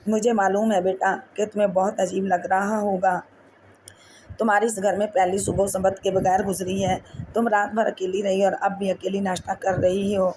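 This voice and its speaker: A fond, gentle older mother-in-law from a read-aloud romance novel, voiced by a woman narrator. She speaks in a level, unvaried tone, with faint background noise. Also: medium pitch, flat delivery, natural voice, rough recording. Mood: doting.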